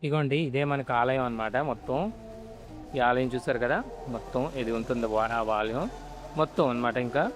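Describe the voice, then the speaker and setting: Quick, chatty male guide, loud music underneath. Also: medium pitch. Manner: chatty, keeps checking that viewers have seen the site. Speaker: travel vlogger. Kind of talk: casual guided tour.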